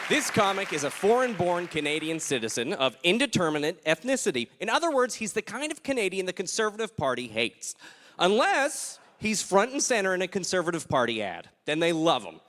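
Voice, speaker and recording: A man hosting a comedy show, doing stand-up with animated, exasperated storytelling. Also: sits high, a little fast, a faint crowd.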